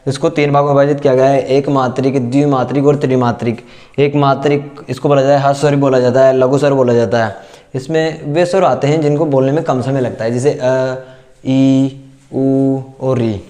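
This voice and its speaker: A man teaching a class, repeating terms slowly and asking and answering his own questions as he writes them down. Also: medium pitch, steady tone, mellow. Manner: dictates as he writes. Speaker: Hindi teacher. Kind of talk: classroom lesson at a board.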